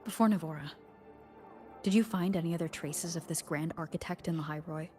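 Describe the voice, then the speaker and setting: A composed young woman companion from a video game, voiced by a woman. She answers quietly and with restraint, in a somewhat low voice. Soft game music plays faintly behind her. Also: a little fast, close to an everyday voice. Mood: calm.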